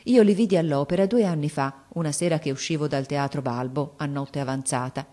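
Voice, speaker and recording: Audiobook narrator, woman, lower register, measured expressive storytelling. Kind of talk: scripted literary narration.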